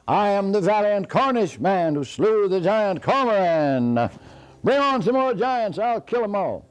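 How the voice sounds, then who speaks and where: A man voicing a boastful young Cornish giant killer, declaiming loudly. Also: high-pitched, animated, a little slow, voice pushed up. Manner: loud, bragging declamation.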